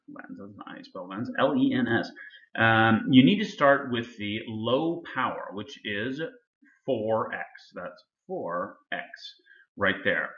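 A man's voice: mid-range voice, pushed and bright, echoey room, highs cut off. A male instructor casually talking students through a lab assignment, with many fillers. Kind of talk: recorded lab walkthrough lecture.

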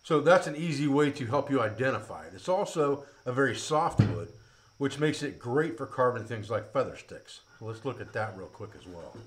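A middle-aged man teaching outdoor skills in a plain, practical way. He talks as he works with his hands, at an ordinary pitch for a man. He is picked up by a camera mic a few feet off. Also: expressive, moderate pace. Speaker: bushcraft instructor. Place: outdoors by woods, then an open-sided metal shed.

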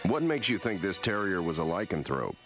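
A seasoned agent in an animated series. The voice is low, stoic and deadpan, in clipped, terse phrases over music. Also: male voice, a little fast. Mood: deadpan, curt. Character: stoic, dry veteran male secret agent.

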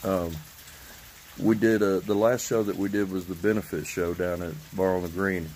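A man's voice: low-pitched, normal speed, rough recording. A man in his fifties chatting casually and rambling through a vlog, recorded on a phone on a covered porch outdoors. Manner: rambling, loosely organized. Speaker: vlogger. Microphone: phone at arm's length. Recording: outdoor phone recording with steady background noise.

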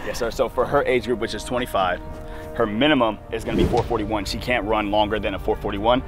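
Crisp military man giving instructions. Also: on the low side, steady tone, fast, music in the background. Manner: crisp, military, matter-of-fact. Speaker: test proctor. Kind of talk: instructional explanation. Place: outdoor running track.

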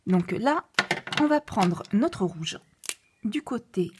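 Slow, hesitant woman with a foreign accent explaining a craft, faint hiss behind her, slipping into soft whispers. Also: medium pitch, lively intonation. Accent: non-native French accent. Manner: hesitant, many fillers and self-corrections; drops to a soft whisper at times. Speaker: card-making demonstrator. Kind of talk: craft tutorial.

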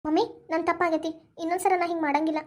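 A woman's voice: extremely high pitch, level tone, racing, darkish tone. A woman voicing a remorseful young married daughter in a cartoon, pleading apologetically with a North Karnataka accent. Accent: North Karnataka Kannada. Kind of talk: cartoon voice acting.

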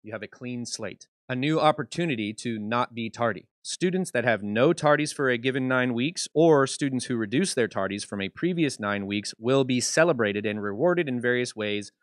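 A man's voice: medium pitch, expressive, normal speed, hardly any pauses, dry recording. Male school presenter, laid-back and joking, dry close sound. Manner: casual, jokey explainer. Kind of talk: school announcement video.

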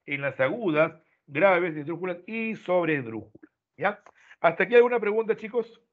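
A man teaching an online class, explaining step by step and ending his points with quick checks to his students. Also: high voice, expressive. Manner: explains step by step, tags lines with "¿no?". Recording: tinny phone-like online audio.

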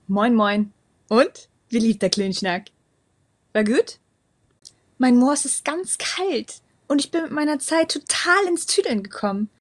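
A woman's voice: fairly high pitch, expressive, unhurried. A woman with a Hamburg accent reading casual example sentences.

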